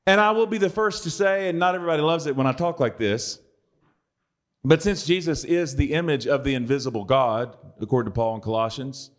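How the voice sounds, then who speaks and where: A man giving a conversational sermon, with dry, joking asides. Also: a little high. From United States. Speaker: preacher.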